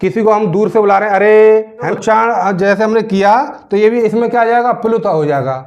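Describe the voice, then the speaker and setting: Speaking fast in a high-pitched voice, a male grammar teacher keeps asking "theek hai na" to check in with his students, and answers the questions he poses. The audio is a dull lo-fi recording.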